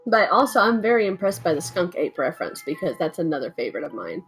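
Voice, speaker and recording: A woman's voice: lowish voice, very animated, fast talker. A woman hosting a trivia night stream in casual chat, talking in a rambling way and laughing often. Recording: music playing faintly behind.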